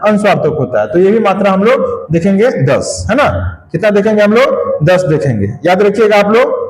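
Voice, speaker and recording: Male teacher, high voice, grammar lesson, asks and answers his own questions, echoey room. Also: sing-song, normal speed, darkish tone. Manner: asks questions and answers them himself, repeating "है ना" and "ठीक है".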